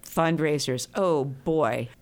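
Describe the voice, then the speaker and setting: A woman's voice: deep voice, slow pace, darkish tone. A middle-aged woman who hosts a classical music radio show speaks during an interview. Her talk is chatty and rambling, full of fillers. She is recorded in a radio studio. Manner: chatty, rambling, many "you know" fillers. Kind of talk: interview conversation.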